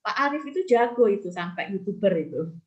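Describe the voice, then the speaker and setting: A woman's voice: medium pitch, expressive, brisk, darkish tone, lo-fi sound. A woman teacher explaining the school's plans to students on a video call, with fillers. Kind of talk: online school forum reply.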